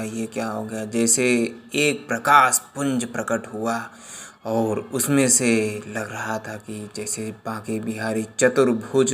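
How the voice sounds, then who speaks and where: A man's voice: medium pitch, fairly bright tone. A man telling a devotional folk story in a repetitive, oral storytelling manner. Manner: repetitive, links lines with "he said".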